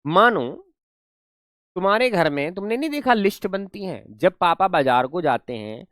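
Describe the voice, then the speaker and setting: A man's voice: high-pitched, very animated, normal speed, a bit bright, dry recording, clean studio sound. Playful man teaching a class. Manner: playful, coaxing, repeats words for pupils. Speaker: online teacher. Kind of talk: live class teaching vocabulary.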